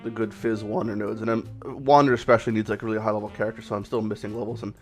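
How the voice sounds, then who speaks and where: Hoarse and raspy from a cold, a gaming channel host with a slightly low voice rambles through a casual commentary vlog about his game, talking very fast in a level tone. He swears now and then and corrects himself mid-sentence, while faint background music plays underneath.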